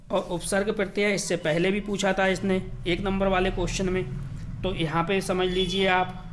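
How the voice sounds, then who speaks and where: Male teacher, high voice, drills answers slowly and asks himself questions. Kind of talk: exam paper walkthrough.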